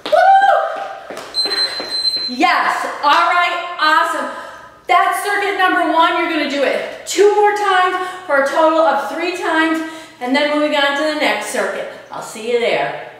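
A woman's voice: high-pitched, normal speed, fairly bright tone, slight background noise. A woman fitness instructor leading a home workout, counting reps and cueing moves in an upbeat, encouraging way. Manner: upbeat, encouraging, urging listeners on. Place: room in own house. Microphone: camera at a distance, self-filmed. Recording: echoey room, long reverb.

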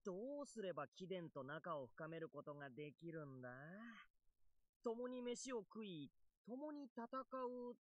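A woman's voice: fairly low pitch, lively intonation, measured pace, no room sound, highs cut off. A woman voicing a cocky, hot-blooded young male fire warrior in an anime mobile game, with theatrical, boastful, knightly phrasing. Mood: earnest, eager.

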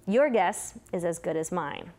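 A middle-aged woman delivering a sermon in a measured, earnest way, seated at a table in a small studio. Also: fairly low pitch, animated, darkish tone. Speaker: preacher.

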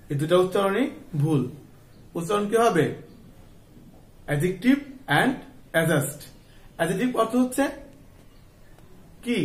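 A man's voice: high-pitched, reverberant, recorded from a distance, low-quality recording. A man giving an English lesson as a tutor, asking his class questions, answering them himself, and spelling words out letter by letter. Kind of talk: spoken lesson.

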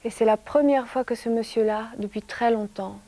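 A soft-spoken woman telling a story to children in a TV studio, sometimes dropping to a whisper. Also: fairly high pitch, moderate pace.

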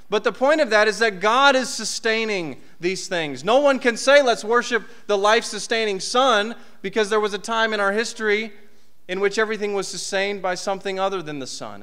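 A man in his thirties from the United States preaches a conversational sermon at a church podium, tossing in asides and rhetorical questions. His voice is high, bright, forceful and smooth, picked up by a podium mic in a church hall.

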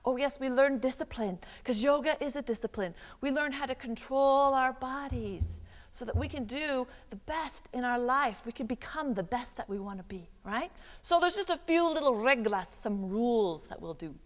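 A woman leading a live children's yoga class in a library, coaxing and animated, with Spanish words sprinkled in. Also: high-pitched, normal speed, in a large hall. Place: public library room, live audience.

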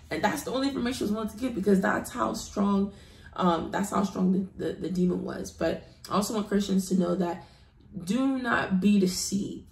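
A woman's voice: mid-range voice, a little mellow. A woman from the United Kingdom giving an earnest personal testimony, urging listeners with a preaching emphasis. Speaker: testimony guest. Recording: roomy echo.

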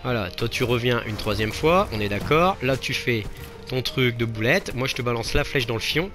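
Man, let's play commentary, self-mocking, exclaiming, mid-pitched voice, faint game music behind. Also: expressive, normal speed. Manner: self-mocking, exclaims and laughs at his own failures. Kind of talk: gameplay commentary.

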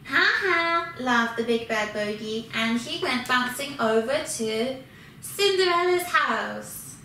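A woman reading a children's storybook aloud in an expressive, unhurried way. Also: fairly high pitch. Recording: very echoey room, distant mic, faint hiss.

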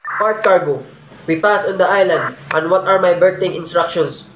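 A man's voice: high voice, moderate pace, soft background music. Young man making marine radio calls. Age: young adult. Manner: formal clipped radio phrasing, ending turns with "over". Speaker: student playing a ship's officer. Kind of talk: marine radio call procedure roleplay. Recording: echoey room with loud noise.

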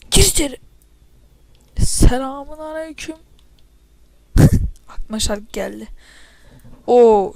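A woman casually commentating her own gameplay into a headset mic, excitable and often breaking into loud yells. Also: high voice, dry recording. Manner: excitable, bursts into loud yelling at setbacks. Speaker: gamer commentating own play. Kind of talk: casual let's-play commentary. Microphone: spare headset mic.

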